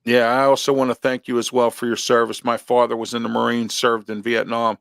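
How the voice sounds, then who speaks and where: Gravelly man in his fifties hosting. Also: medium pitch, little pitch movement, fairly quick, a bit bright, dry recording, clean studio sound. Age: 50s. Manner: rambling, many "uh" fillers. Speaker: sports talk show host. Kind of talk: casual sports talk.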